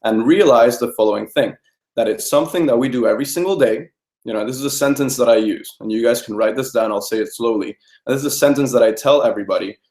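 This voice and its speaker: A man's voice: medium pitch, fast talker, a little mellow. A young man giving a persuasive sales training talk to a group, firing rhetorical questions and checking in with "okay?". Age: young adult. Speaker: network marketing trainer. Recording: roomy echo.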